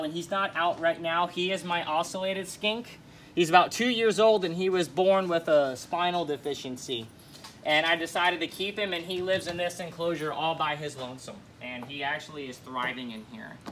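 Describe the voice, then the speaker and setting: A man's voice: on the high side, bright, forceful tone. A young man hosting a casual, enthusiastic tour, talking directly to viewers as he shows things around an indoor showroom. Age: young adult. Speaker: host giving a shop tour. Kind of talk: casual informal tour narration. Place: indoor showroom full of terrariums. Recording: clear background noise, terrarium room ambience.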